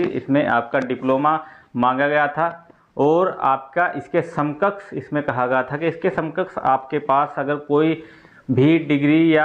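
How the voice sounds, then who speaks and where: A man with a fairly high voice presents exam news to students, explaining updates for candidates in an informal, step-by-step way and repeating key points. The audio sounds dull.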